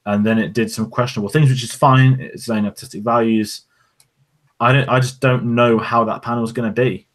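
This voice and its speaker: Fast-talking man in casual podcast chat. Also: mid-range voice, flat delivery. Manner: quick, rambling, opinionated. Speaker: podcast co-host. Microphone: podcast microphone.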